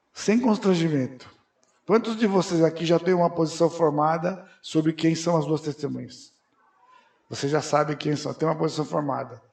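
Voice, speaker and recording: A pastor teaches at a church conference with a raised, gravelly voice. He questions his listeners, answers himself and surges into loud emphatic peaks. His voice rings around a roomy auditorium. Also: on the high side. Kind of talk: expository Bible teaching at a conference.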